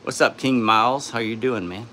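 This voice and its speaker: A man with a sore throat hosting a casual live stream, answering chat in a tired, low-key way from his home studio on a phone. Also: normal speed, pushed and bright. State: sore throat, speaking softly.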